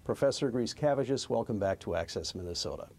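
Brief: middle-aged male show host, formal, measured studio read. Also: on the low side, animated, warm tone. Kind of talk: scripted introduction and interview questions. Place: studio set.

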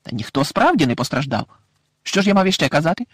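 A man voicing a tired, patient middle-aged wizard father who talks in a calm, sighing way, in an audiobook. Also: on the high side, quick pace, slightly rough, no echo, studio quality, exaggerated voice. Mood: weary.

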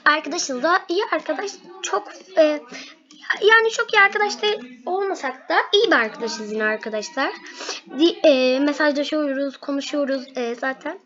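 A young girl with a very high, bright voice chats excitedly and giggles while playing a game at home. Her voice is a little hoarse from talking loudly. The recording sounds dull and lo-fi. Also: moderate pace. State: losing her voice. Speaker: gaming vlogger. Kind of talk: excited gameplay chat.

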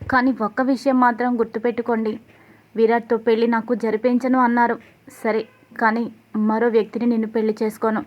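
A woman's voice: on the high side, muffled recording, lightly acted. A woman voicing a heartbroken young woman who pleads with her uncle and vows never to marry anyone else. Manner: pleading, tearful, defiant. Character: young woman, heartbroken, vowing to refuse any other match.

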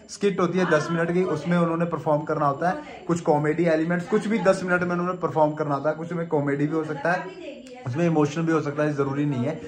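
Chatty man vlogging at home. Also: a little high. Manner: chatty, explains at length. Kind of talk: casual vlog chat.

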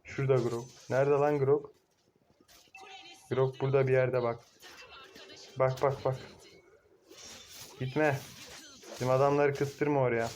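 A young man casually commentating his own mobile game match, excitable, cursing at teammates and shouting now and then. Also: medium pitch, slow pace, long pauses, slight background noise. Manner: excitable, swears and shouts at teammates, laughs loudly.

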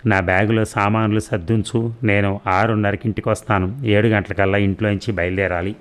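A man's voice: on the low side, steady tone, a little fast. A man narrating a family drama story and reading every character's lines in his own voice. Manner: reads all the characters' dialogue in his own voice.

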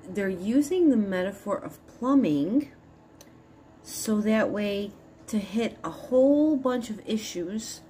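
A woman's voice: on the low side, a little mellow, slight background noise. A woman in her fifties gives a casual spiritual talk to her phone camera at home, explaining earnestly in a meandering way and often restarting her sentences. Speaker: spiritual advisor. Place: small room at home, indoors. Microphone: phone camera at arm's length.

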